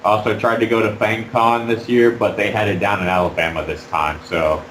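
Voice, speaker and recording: A man being interviewed about fursuiting while wearing a fursuit head, talking in a halting, rambling way with many fillers. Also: lowish voice, flat delivery, fairly bright tone, reverberant, a little hiss or hum, low-quality recording. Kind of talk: casual interview.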